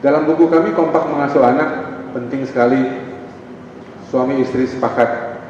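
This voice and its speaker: A man's voice: medium pitch, fairly even intonation, normal speed, darkish tone, slight background noise. A middle-aged man from North Sumatra, a pastor and family counselor giving a conversational, anecdotal seminar talk to an audience. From North Sumatra (Batak). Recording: echoey hall, distant dull mic.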